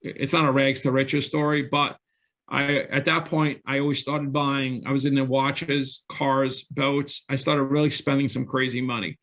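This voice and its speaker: A bit slow and a bit bright, this middle-aged man's medium-pitched voice barely rises or falls. As a real estate investor guesting on an interview show, he shares his story candidly and earnestly, with plenty of restarts and self-corrections.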